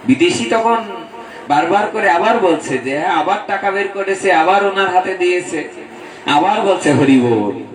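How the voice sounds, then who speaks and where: A man with a Bangladeshi Bengali accent reciting a devotional story as a sermon, in a sing-song preaching manner with chanting. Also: on the high side. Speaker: Bhagavata reciter. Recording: echoey room, distant mic.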